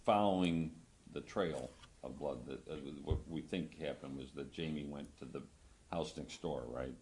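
Deep-voiced male lawyer questioning a witness. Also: darkish tone. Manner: conversational, halting phrasing, tags questions with "right?". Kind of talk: courtroom questioning.

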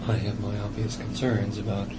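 A man speaking as a psychiatrist in a recorded evaluation interview, explaining things deliberately and at length, with hesitant pauses. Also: lowish voice, monotone. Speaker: psychiatrist doing a competency examination. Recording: noisy old interrogation-style tape.

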